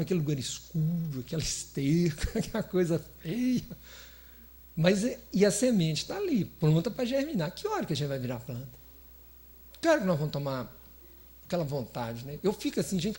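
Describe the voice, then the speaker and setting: A man's voice: high voice, darkish tone. A man from Brazil giving a chatty, playful spiritist lecture, laughing often and putting questions to his audience. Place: lecture hall of a spiritist center.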